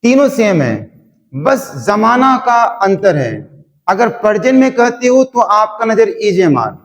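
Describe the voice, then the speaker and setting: A man's voice: high-pitched, sing-song. A man teaching a spoken English lesson, repeating words over and over as he drills his class. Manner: slow, repetitive drilling. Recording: long hall reverb.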